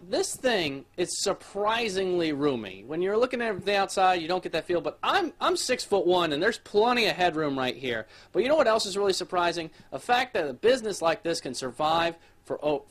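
Reporting live for a morning TV show, a young man with a high, fairly bright voice talks up an RV in a chatty, upbeat promo manner. Mic in hand, he starts outside next to the RV on a sales lot and then heads inside.

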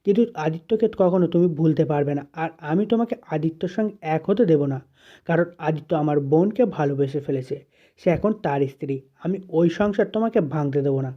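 A man's voice: fairly high pitch, a little fast, lightly acted. A man voicing a cold, unforgiving young husband who speaks curtly and accusingly, in a dull lo-fi recording. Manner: curt, accusing.

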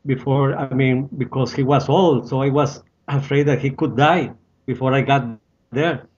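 A man in his sixties from Costa Rica with a Costa Rican Spanish accent, telling his story as an interview guest in halting English full of fillers. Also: mid-range voice, steady tone, darkish tone, muffled recording. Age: 60s. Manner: halting, many "uh" fillers and restarts. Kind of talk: casual interview, personal story.

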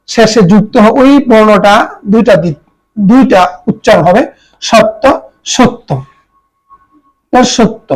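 A teacher giving a patient exam-prep grammar lesson. The voice sits at a middle pitch, and each example word is repeated slowly. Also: poor audio.

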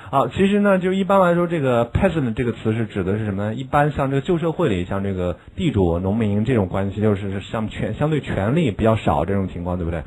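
A man teaching English vocabulary in a classroom lesson, explaining in Chinese and drilling words slowly, with a chuckle at his own asides. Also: on the low side, lively intonation, darkish tone, low-quality recording.

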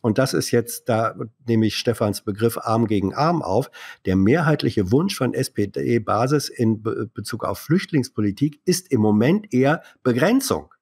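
Older husky man, deliberate formal talk. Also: mid-range voice, lively intonation, darkish tone. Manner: deliberate, formal phrasing with hesitations. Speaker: guest on a political podcast. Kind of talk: casual political discussion.

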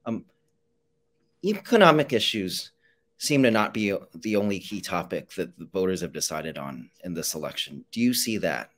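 Young male interviewer, very low voice, measured formal questions over a video call. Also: sing-song. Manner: measured, with frequent ums.

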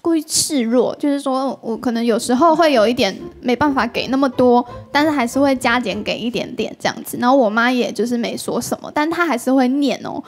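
A woman's voice: fairly high pitch, brisk, few pauses, soft background music. A woman with a Taiwanese Mandarin accent, a talk show guest telling a story casually and acting out the voices of the people in it. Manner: animated, acts out quoted dialogue.

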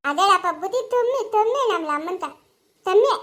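A woman's voice: very high voice, animated, a little fast, fairly bright tone. A woman playing a simple-minded young daughter who lisps and pleads earnestly in a family skit. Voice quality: lisping, childlike speech.

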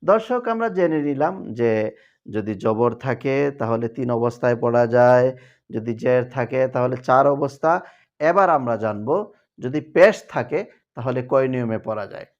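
The audio is dull, but this mid-range, expressive male voice comes through as he teaches recitation rules for the Quran on TV. He breaks things down step by step, slowly chanting verses to illustrate.

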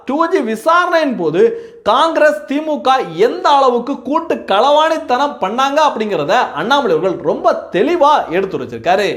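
A narrator giving an explanatory voice-over that summarizes a speech. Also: high voice. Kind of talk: news commentary voice-over.

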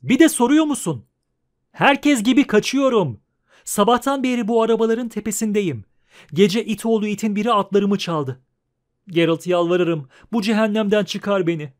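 A man voicing a panicky young male bard who talks fast and pleads shrilly in an audiobook. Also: high-pitched, pitched above the performer's own voice, lightly acted. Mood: pleading.

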